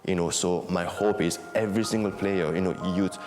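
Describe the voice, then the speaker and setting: Low-voiced man in his 20s, from Guinea, casual interview talk over a music bed. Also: a little fast. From Guinea, West Africa. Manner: relaxed, conversational, many "like, you know" fillers. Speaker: interviewee, former academy footballer.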